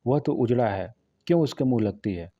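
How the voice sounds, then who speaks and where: A man's voice: medium pitch, lively intonation, brisk, dark tone, dull audio. A man voicing a preachy older village priest who moralizes reproachfully, read in his own voice.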